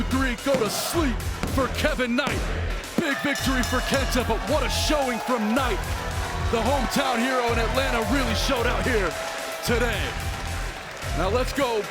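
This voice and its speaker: A man doing excited, emphatic pro wrestling commentary, often shouting his calls. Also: very high-pitched. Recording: loud music behind.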